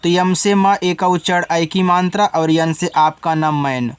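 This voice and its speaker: A man teaching beginners English spelling, reading out words letter by letter, slowly and patiently. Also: high voice, fairly even intonation, smooth, no room sound. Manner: patient, coaxing teacher talk.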